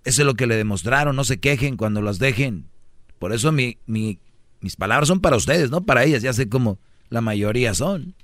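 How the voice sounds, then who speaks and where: A man's voice: medium pitch, expressive, brisk, a bit bright, no echo, clean studio sound. A man with a Mexican accent hosting a radio show, giving joking, preachy advice with a string of rhetorical questions. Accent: Mexican Spanish. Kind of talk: comic advice monologue.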